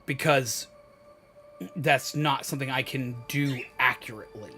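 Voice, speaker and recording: A man with a medium-pitched, bright and forceful voice hosts a gaming livestream at an unhurried pace, with faint music in the background. He chats casually and gives viewers advice, rambling, repeating himself for emphasis and swearing now and then.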